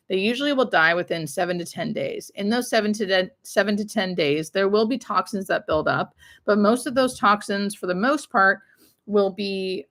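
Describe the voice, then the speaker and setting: A woman's voice: medium pitch, a bit bright. Casual woman chatting on a livestream. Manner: informal, conversational, explaining plainly. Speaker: hospice nurse hosting a live Q&A. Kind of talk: casual live-stream chat answering viewer questions.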